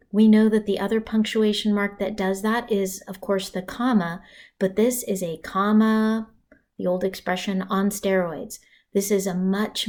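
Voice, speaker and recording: A woman's voice: mid-range voice, a little mellow. A woman teaching punctuation in a recorded slide lecture, talking conversationally with casual asides. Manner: conversational, asides and dramatic pauses for emphasis. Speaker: writing instructor.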